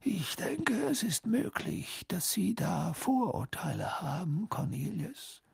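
Casting: male reader as a serene elderly headmaster, hushed and slow, breathy edge. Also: high voice, big pitch swings, no echo, studio quality, pitched above the performer's own voice, heavily acted. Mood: calm. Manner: quiet, soft and unhurried. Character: calm wise old male headmaster.

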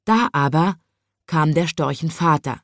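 A woman reads a children's story aloud in a gentle, even way. Her voice sits fairly low for a woman and is recorded close and dry, with no room sound. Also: a little slow, dry recording.

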